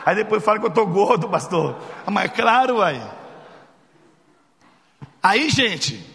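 A man's voice: high voice, unhurried, gravelly, a little hiss or hum. A man preaching a sermon, telling a funny story and acting out the dialogue. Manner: jokey, animated, acts out dialogue. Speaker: pastor. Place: church sanctuary. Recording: reverberant church hall.

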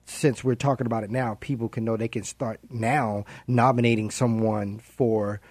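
An enthusiastic man hosts a radio interview and keeps the talk chatty. His voice is mid-pitched, recorded dry and close. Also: fairly even intonation, normal speed, darkish tone, no room sound. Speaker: radio host.

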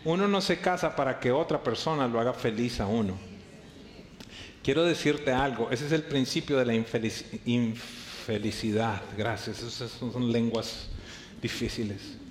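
A man preaching a live sermon as pastor to a congregation, lively, playfully acting out his listeners' voices and joking with them. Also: medium pitch. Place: church hall before a congregation. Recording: echoey hall with faint background noise.

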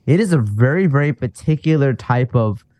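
A man's voice: medium pitch, expressive, moderate pace, darkish tone, no echo. A man hosting a casual podcast chat, rambling through a story with lots of fillers. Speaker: podcast host.

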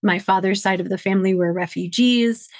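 A middle-aged woman from Detroit, Michigan, USA, appears as a podcast guest, giving conversational interview answers about her upbringing and work in an earnest, reflective way. Her medium-pitched voice is steady and fairly quick, recorded in clean studio sound with no echo.

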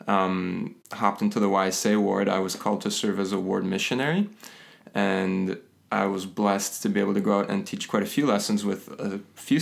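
A man hosting a casual interview podcast, talking in halting, pause-filled phrases. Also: on the low side, gravelly. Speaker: podcast host.

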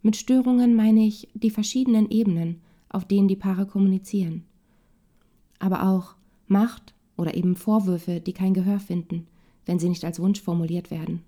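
Calm, mellow woman narrator. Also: medium pitch. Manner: calm, measured reading. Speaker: couples therapist. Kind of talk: narrating a nonfiction book.

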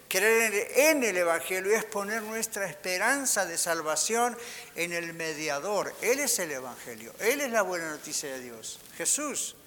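High bright-voiced preacher in a hall. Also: male voice. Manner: preaching with rhetorical questions to the congregation. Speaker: pastor. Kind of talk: sermon. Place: church hall. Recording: hall reverb with faint hiss.

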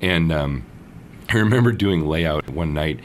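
Low-voiced priest telling lively stories. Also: male voice, unhurried, slight background noise. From Minnesota, United States. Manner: lively, acts out quoted voices with laughs. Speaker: priest, podcast guest. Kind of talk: casual storytelling interview.

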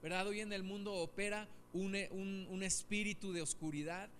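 A man preaching a sermon to his congregation, animated, with sudden loud outbursts. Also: high voice, moderate pace, a little hiss or hum. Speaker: pastor.

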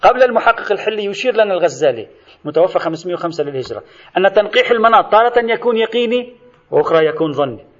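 A man's voice: high voice, a bit bright, highs cut off. A man lecturing to students in a recorded lesson, explaining step by step and addressing them directly.

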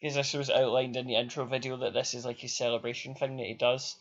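A man with a Glaswegian accent, co-hosting a casual podcast chat, enthusiastic and quick to laugh. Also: medium pitch, flat delivery. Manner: chatty, laughs often, enthusiastic. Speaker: podcast co-host. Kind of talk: casual chat reviewing a fight. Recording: dull lo-fi podcast audio.

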